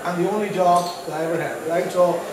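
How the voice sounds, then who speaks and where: A man's voice: high-pitched, steady tone, quick pace, a crowd in the background. A man from Pakistan telling his story as a guest on stage, chatty and self-mocking, with many fillers and restarts. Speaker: guest entrepreneur. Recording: distant mic, echoey room, noisy.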